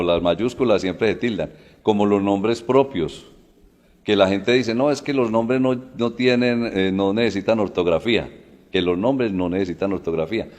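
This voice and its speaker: A man's voice: on the low side, darkish tone. A man explaining spelling rules in casual talk, with folksy everyday examples and frequent calls to "look". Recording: long echoing reverb.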